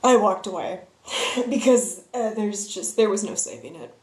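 A woman's voice: mid-range voice, lively intonation, unhurried, roomy sound. A young woman telling embarrassing stories in a wry, self-deprecating way. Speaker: vlogger. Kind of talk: storytelling vlog.

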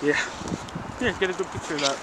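Eager fast-talking young man outdoors. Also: a little high. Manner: eager, enthusiastic, asks questions. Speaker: vlogger's friend. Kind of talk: casual chat. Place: outdoors at a city lookout at night. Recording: outdoor noise, picked up by a camera.

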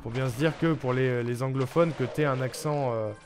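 A male streamer from France talks casually at a mid-range pitch, chatty and meandering, often stopping to hesitate and restart his sentences. He speaks into a streaming mic at home, and clear music plays behind him. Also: moderate pace. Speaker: live streamer. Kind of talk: casual chat with viewers. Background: background music.

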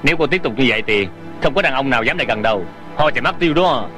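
A teasing, caring young man in a dubbed TV drama, speaking in a mid-pitched voice as he banters and coaxes. A music score plays clearly behind him. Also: animated, very fast, pushed and bright. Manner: bantering and coaxing. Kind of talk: Vietnamese dub of a Hong Kong TV drama.

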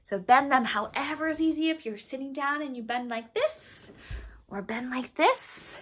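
A woman music therapist leading a remote session, singing a simple action song and gently coaching movements between verses. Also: high-pitched, expressive, moderate pace. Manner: cheerful sing-along leader, gentle coaxing instructions. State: out of breath.

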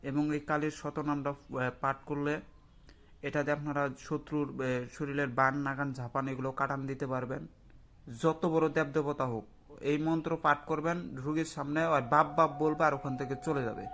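A man, a spiritual healer who speaks directly to listeners and recites a long mantra slowly and carefully. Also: a little high, level tone, fairly bright tone. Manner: slow measured chanting of verses; talks directly to viewers, earnest. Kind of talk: religious talk and mantra recitation.

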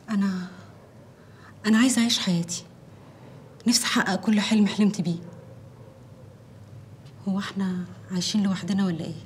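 A woman's voice: fairly low pitch, a little mellow, a little hiss or hum, natural voice. A young actress with an Egyptian accent playing an eager working woman who talks earnestly about living her own life in a TV drama. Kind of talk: TV drama dialogue.

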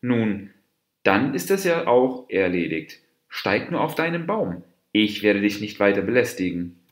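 Brief: a man playing a crafty storybook monkey, wheedling and false-friendly, raised and lively pitch, roomy sound. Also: a little slow. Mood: sly. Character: sly scheming male monkey, fable trickster. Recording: roomy echo.

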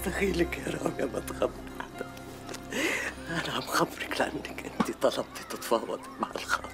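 A woman's voice: fairly low pitch, a little fast, over music, natural voice. An actress playing a desperate mother whose son was kidnapped. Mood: distraught. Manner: distraught, pleading. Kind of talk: TV drama acting.

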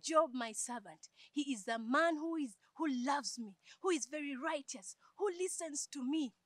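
A woman's voice: sits high, a little slow, no echo. A young woman voicing God boasting about a faithful servant, told in a children's Bible story outdoors. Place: outdoors in a garden.

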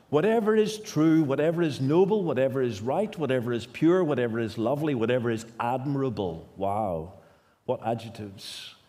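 Here a man in his fifties with a Northern Irish accent gives an emphatic sermon in a church hall, voice medium-pitched and mellow. His preaching circles back repetitively and jumps into bursts of speed. He's captured by lectern stand mics and a faraway camera.

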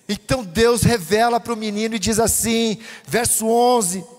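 Male preacher, Brazilian Portuguese accent, high-pitched, fervent chanting delivery, long church reverb. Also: unhurried. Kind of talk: pentecostal sermon. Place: church hall.

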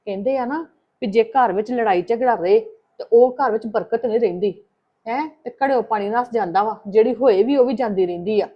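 A woman's voice: fairly high pitch, brisk, highs cut off. A woman playing a visiting sister in a scripted family drama, talking in an earnest, advising way.

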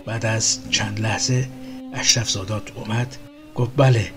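A man calmly narrating a first-person story in a measured, even reading. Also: fairly low pitch. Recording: faint music underneath.

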